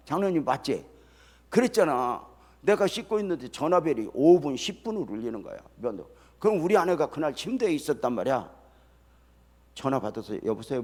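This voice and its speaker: A man's voice: fairly high pitch, husky. Older man preaching in an echoing church. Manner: folksy storytelling, swings from soft to loud. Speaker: pastor. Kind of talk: sermon. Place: church sanctuary.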